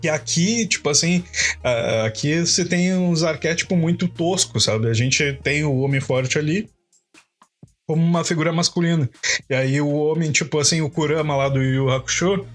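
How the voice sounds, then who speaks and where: A man's voice: fairly high pitch, normal speed, faint music behind. A young adult man, chatting casually and jokingly as a podcast co-host. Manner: animated, jokey, lots of filler words. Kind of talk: casual chat.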